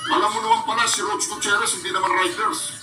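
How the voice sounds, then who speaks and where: High-pitched guy ranting sarcastically at a clip, echoey room, mic far off, music playing. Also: flat delivery, fast. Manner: mocking, taunting, talks back at the clip. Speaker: vlog host reacting to a clip. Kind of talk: political reaction commentary. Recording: roomy, distant mic with music behind.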